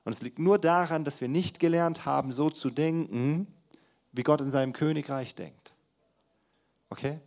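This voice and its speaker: A young man preaching a sermon to a congregation in a church hall, lively, with loud emphasis and quiet asides, asking the room questions. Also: on the high side, normal speed, creaky.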